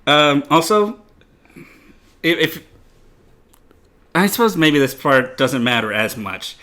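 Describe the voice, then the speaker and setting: A man's voice: a little high, sing-song, slow pace, sharp tone. A man co-hosting a comedy podcast, questioning plans skeptically with lots of hesitant restarts. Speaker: podcast co-host. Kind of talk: casual comedic chat.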